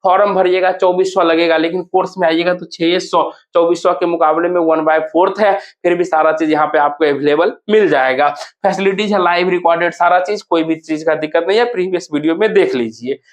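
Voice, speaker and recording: A man with a Bihari Hindi accent giving a promotional exam-prep lesson as a coaching teacher, asking and answering his own questions and slowing down to repeat key words. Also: high-pitched.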